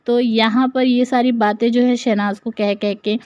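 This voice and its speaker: A woman's voice: fairly high pitch, fairly even intonation, normal speed, darkish tone, smooth, dry recording, clean studio sound. A woman giving a casual narrated recap, retelling scenes and quoting lines with frequent fillers.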